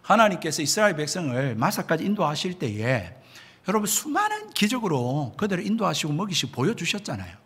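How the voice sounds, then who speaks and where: A man's voice: a little high, wildly swooping pitch, brisk, a bit bright, slightly rough. A man preaching a sermon as pastor, emphatic, often addressing the congregation directly and asking rhetorical questions. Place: church sanctuary.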